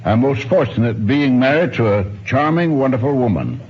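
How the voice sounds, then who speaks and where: In a muffled, noisy 1950s radio recording, a man in his nineties speaks as an expert guest, an archaeologist and ethnologist. His medium-pitched voice is animated, darkish and slightly rough at a normal speed. He gives formal, precise answers in old-fashioned phrasing.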